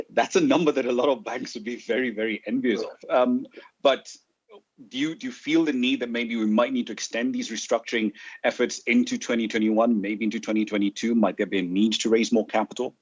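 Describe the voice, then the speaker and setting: A man interviewing in a fireside chat, asking measured questions with frequent fillers. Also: mid-range voice, husky, dry recording, dull audio.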